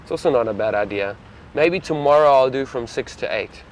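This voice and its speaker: A man's voice: mid-range voice, lively intonation, fairly quick, a little hiss or hum. A young man, a safari field guide, chatting casually and enthusiastically to live-stream viewers from an open vehicle outdoors.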